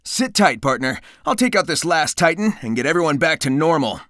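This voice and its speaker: Lively, cocky hedgehog hero. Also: male voice, on the high side, brisk, no room sound, clean studio sound. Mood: confident, breezy. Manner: breezy, wisecracking, confident. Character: cocky, upbeat young male hedgehog speedster hero. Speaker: video game voice actor. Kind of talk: animated video game dialogue.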